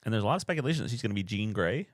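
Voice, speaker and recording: A man co-hosting a podcast, chatting casually and explaining at length in a deadpan way. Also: on the low side, very fast, no echo, studio quality. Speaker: podcast co-host. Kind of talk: casual chat about movies.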